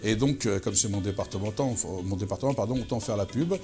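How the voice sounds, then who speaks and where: Fast-talking low-voiced male host. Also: dark tone, faint music behind. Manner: chatty, quick, repeats himself. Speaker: show host. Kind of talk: casual interview conversation.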